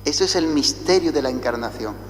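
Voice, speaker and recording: A priest from Spain with a Spanish accent, chanting the liturgy and then preaching a slow, deliberate homily, heard with a cathedral echo. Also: male voice, on the high side, animated, slight background noise. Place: large church. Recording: echoey church with long reverb.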